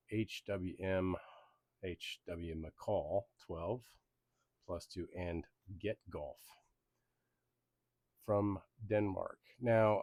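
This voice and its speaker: A man's voice: sits low, a little mellow, dry recording. A man who grew up in Belgium and Germany, hosting a casual sports league recap in an easygoing, rambling way with many ums. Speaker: league host.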